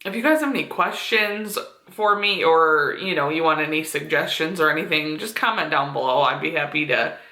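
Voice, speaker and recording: A woman's voice: sits low, expressive, moderate pace, hardly any pauses, pushed and bright. Chatty young woman in an echoey room. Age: 20s. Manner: chatty, with frequent fillers and laughs. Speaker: beauty vlogger. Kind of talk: casual chat to camera. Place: room at home.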